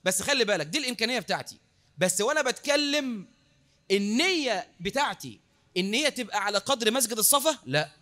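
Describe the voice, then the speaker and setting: A man with an Egyptian accent preaching a lecture in a mosque, lively, repeating words for emphasis and asking his listeners questions. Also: high-pitched, quick pace. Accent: Egyptian Arabic.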